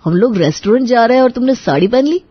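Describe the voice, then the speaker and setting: A woman voicing an easygoing, modern young husband in a cartoon, coaxing and relaxed. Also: fairly high pitch, fast talker, husky, dry recording, dull audio.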